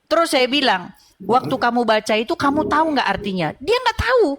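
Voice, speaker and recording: A woman's voice: high-pitched, sing-song, brisk, crowd noise. A woman hosting a religious debate call, persistent and lecturing, telling anecdotes and laughing at her own points. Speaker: channel host in religious debate.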